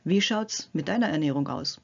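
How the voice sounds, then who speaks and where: An older woman, a psychotherapist and health coach, narrating a scripted lesson in a friendly, gently playful way, addressing the viewer directly. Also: low-pitched, lively intonation, moderate pace, gravelly, lo-fi sound.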